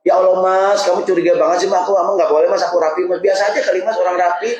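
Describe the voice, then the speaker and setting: Whiny defensive young wife talking fast and high, a preacher doing the voice, echoey mosque. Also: male voice, fairly even intonation, darkish tone, natural voice. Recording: roomy mosque echo.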